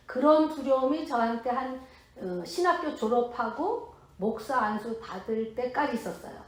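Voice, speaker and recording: High-voiced woman pastor in an echoey hall. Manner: animated, emphatic storytelling with blunt colloquial speech. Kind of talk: testimony sermon.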